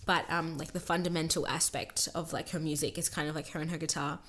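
A woman's voice: sits low, level tone, quick pace, fairly bright tone. Young woman, chatty podcast co-host. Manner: rambling, many "like" fillers. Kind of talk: casual chat.

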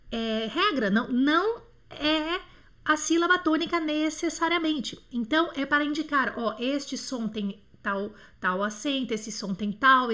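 A Brazilian woman teaching French in a live online lesson, chatty with scattered asides, slowing right down to sound out example words. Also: high voice, pushed and bright. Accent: Brazilian Portuguese. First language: Portuguese. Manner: chatty, scatterbrained asides, drawn-out slow word demos.

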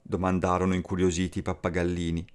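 A man reading a fairy tale aloud as a storyteller, slow and expressive. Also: sits low, clean tone. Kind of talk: scripted fairy tale narration.

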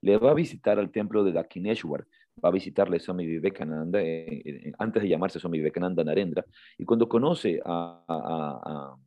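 A low-voiced man telling a long story on a podcast, stumbling over and repeating words as he goes. The sound is dry and a little dull. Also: no room sound. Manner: halting, repeats words, acts out quotes with raised pitch. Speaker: podcast co-host. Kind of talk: casual storytelling chat.

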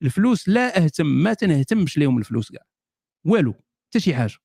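A rapid-fire Moroccan man answers viewer questions in a loose, joking live Q&A, often breaking into laughter. His voice sits a touch high and sounds close and dry, with no room echo. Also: very animated, gravelly, warm tone, slightly rough. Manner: jokey, laughs often, sardonic asides. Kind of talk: casual live Q&A.

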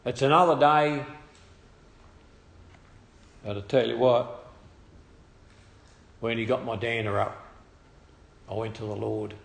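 Australian man, unhurried and halting personal testimony, echoey room. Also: medium pitch, steady tone, creaky. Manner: halting, with restarts and trailing phrases.

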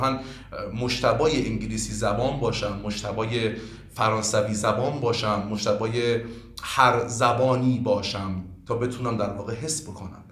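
Male language teacher from Iran, earnest and lecturing, with frequent fillers. Mid pitch, recorded in a reverberant room. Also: fairly bright tone. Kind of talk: podcast interview answers.

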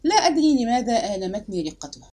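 A woman narrating a literary audiobook with expressive, dramatic storytelling. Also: on the high side, fast.

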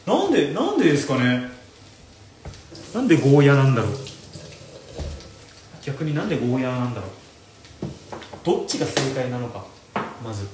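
Young male stream host, chatty, reads comments aloud; echoey kitchen, pan frying loudly. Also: medium pitch, background noise. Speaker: live-stream radio host. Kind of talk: casual chat while cooking. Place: home kitchen, indoors. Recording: roomy kitchen with loud frying sizzle.

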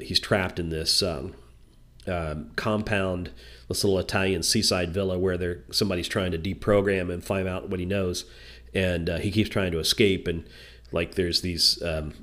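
A man's voice: deep voice, fairly bright tone. A man hosting a casual solo talk, rambling and hesitant, congested with a stuffy nose from a cold. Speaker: podcast host. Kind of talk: casual solo talk about shows and books.

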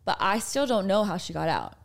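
A woman's voice: medium pitch, sing-song, brisk, creaky. A young woman co-hosting a podcast, telling a story in casual chat with lots of fillers. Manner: chatty storytelling with many fillers. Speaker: podcast co-host.

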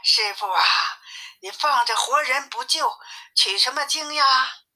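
A woman reading aloud voices a female demon posing as a pitiful captive woman, pleading in a high, plaintive tone. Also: takes it slowly, pushed and bright, exaggerated voice. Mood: coaxing whisper. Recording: tinny phone-like sound.

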